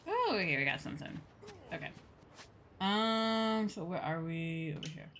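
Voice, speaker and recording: A virtual YouTuber livestreams a video game, chatting casually and poking fun at herself over game music. Her voice sits fairly low and is expressive, a touch slow and slightly bright, with a faint hiss or hum.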